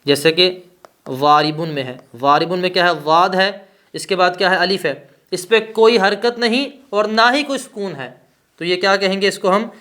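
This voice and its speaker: High-voiced male grammar teacher. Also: bright, forceful tone. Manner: asks rhetorical questions and answers them himself; slows down to spell out example words. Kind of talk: classroom grammar lesson.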